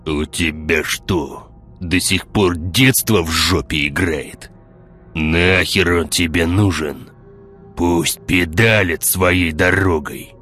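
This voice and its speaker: A man voicing a hoarse, scarred, one-eyed male thug in an audiobook, coarse and swearing. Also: sits low, a bit bright, faint music behind. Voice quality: hoarse, barely human rasp. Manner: coarse, swearing, slow and heavy. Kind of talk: audiobook character voice.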